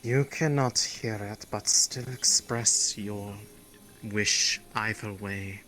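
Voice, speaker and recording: A man playing a guide who interprets the spirits, speaking in a measured, hesitant way. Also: on the low side, pushed and bright, a little hiss or hum, poor audio. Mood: guiding. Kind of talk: in-character roleplay.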